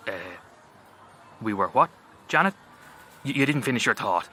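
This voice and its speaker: A man's voice: medium pitch, expressive, moderate pace, sharp tone. An actor playing a wry, goading male gangster boss with a menacing edge in an audio comedy.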